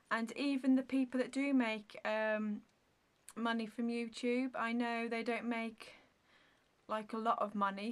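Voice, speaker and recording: A woman in her thirties chatting casually to the camera in a Q&A vlog, answering viewer questions in a rambling way, full of ums and likes. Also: on the high side. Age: 30s. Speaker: beauty vlogger.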